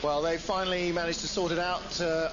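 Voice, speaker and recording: A man's voice: fairly high pitch, level tone, a little fast. A man giving live commentary as a motorsport commentator, describing the race and replays in a vivid way. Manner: vividly narrates replays, acting out drivers' thoughts. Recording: muffled broadcast with clear engine noise.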